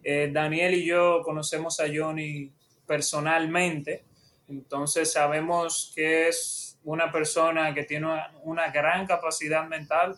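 Flat-voiced male podcast host. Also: on the high side. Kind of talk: podcast hosting.

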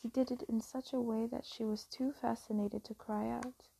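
A woman telling a fairy tale as a soft, slow, whispered bedtime story reading. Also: a little high, little pitch movement, gravelly, slightly rough, low-quality recording.

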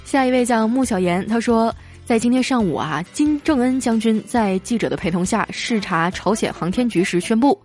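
A woman hosting a comedy show, reading out listener jokes in a lively storytelling way and chuckling through the punchlines. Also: a little high, normal speed, soft background music. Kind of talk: comic storytelling.

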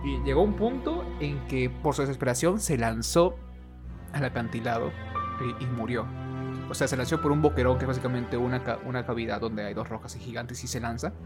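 A young Peruvian man tells a legend in a crude, joking way as podcast co-host. His pitch sits mid-range, and music plays steadily behind him. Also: fairly even intonation, brisk. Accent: Peruvian Spanish. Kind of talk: comic storytelling.

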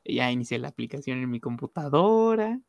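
Relaxed young Mexican man chatting. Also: medium pitch, brisk, vocal fry, no room sound, lo-fi sound. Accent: Mexican Spanish. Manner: relaxed, chuckles often. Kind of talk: casual storytelling chat.

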